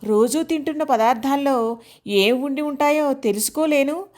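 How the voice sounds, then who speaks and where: A man's voice: extremely high pitch, moderate pace. A woman voicing a cheerful, teasing older husband in an audio story. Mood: playful. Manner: jovial, teasing.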